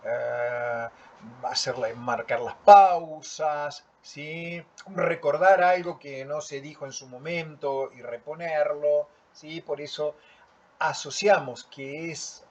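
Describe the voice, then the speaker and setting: Slow, deliberate male teacher. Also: a little high. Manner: slow and deliberate, frequent checking "¿sí?". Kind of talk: lecture reviewing student work. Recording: dull lo-fi recording.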